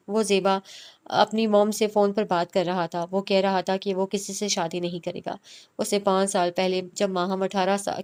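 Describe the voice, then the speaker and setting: Smooth-voiced woman narrating a novel. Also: mid-range voice, a little mellow. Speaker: audiobook narrator. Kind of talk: reading a romance novel aloud.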